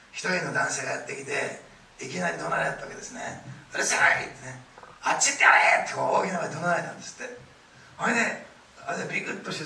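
A middle-aged man preaching a sermon, telling stories with lively acted-out quotes, in a church hall. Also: a little high, gravelly, slight background noise. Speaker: pastor. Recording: echoey room, distant mic, faint ambience.

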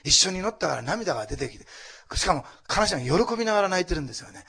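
A man pastor preaching a sermon to a congregation and leading a prayer, animated and dropping to whispers for emphasis. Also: high-pitched, fast talker, vocal fry, husky. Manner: animated, acts out quotes, drops to whispers. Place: church hall before a congregation.

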